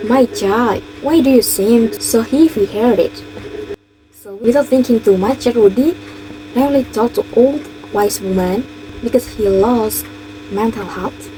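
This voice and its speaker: This is a young adult woman from East Java, Indonesia, with an Indonesian accent and a higher voice. As a university student presenter, she gives a rehearsed presentation with simple storytelling, and the background noise is clear.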